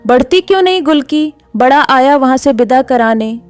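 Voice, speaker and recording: A woman's voice: high voice, lively intonation, normal speed, no room sound, faint music behind. A woman voicing a fierce, protective village woman who gives commands in a thundering voice. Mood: commanding.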